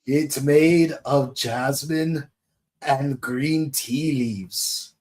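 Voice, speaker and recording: A man voicing Iroh, a gentle, tea-loving elderly uncle who talks slowly and kindly. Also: medium pitch. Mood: doting. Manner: slow, kindly, doting.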